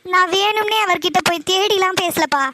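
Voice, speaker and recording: A woman voicing a gentle young daughter pleading tearfully with her father, in a cartoon. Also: very high voice, moderate pace, noisy background. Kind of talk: cartoon voice acting.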